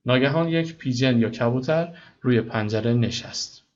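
Male teacher, mid pitch, careful English reading with fast translations, dull lo-fi recording. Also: a little mellow. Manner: reads English slowly, translates briskly. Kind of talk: bilingual reading lesson.

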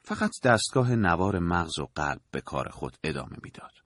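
A man narrating an audiobook in a measured, dramatic storytelling manner. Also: low voice, sing-song, fairly bright tone, no room sound, clean studio sound.

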